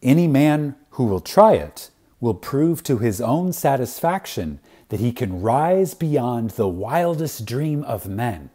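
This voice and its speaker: A man with a husky voice reads a spiritual lecture dramatically, in a sing-song manner. He speaks very slowly, his pitch swinging widely, with deliberate pauses and phrases that fade softly at the end, reverent and full of emphasis.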